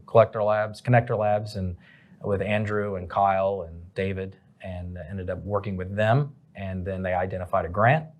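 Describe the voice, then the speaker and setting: A man's voice: sits low, darkish tone. A man, a company president, answering interview questions in a casual, rambling way with many fillers.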